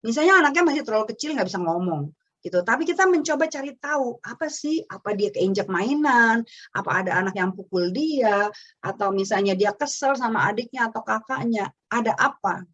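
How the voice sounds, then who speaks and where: A woman's voice: fairly high pitch, animated, normal speed, lo-fi sound. A woman giving a parenting webinar talk, explaining step by step and acting out what a parent might say to a child. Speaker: parenting speaker.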